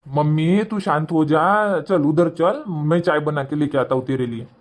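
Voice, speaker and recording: A man's voice: a little high, moderate pace, darkish tone, lightly acted. A man voicing a harried young husband in a cartoon, pleading and placating between his wife and mother. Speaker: son and husband.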